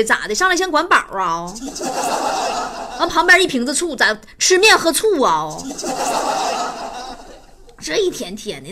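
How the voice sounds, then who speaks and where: Woman doing stand-up, high bouncy voice, noisy recording. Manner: lively, teasing, self-mocking. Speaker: stand-up comedian. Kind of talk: stand-up storytelling.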